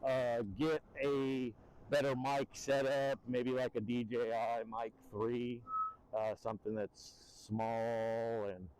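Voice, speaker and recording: An e-bike vlogger with a very deep, slightly mellow voice rambles through a casual ride-along review outdoors, filling it with lots of fillers. He speaks slowly and in a level tone, his sound clear and resonant. It's captured on a helmet mic, muffled by wind.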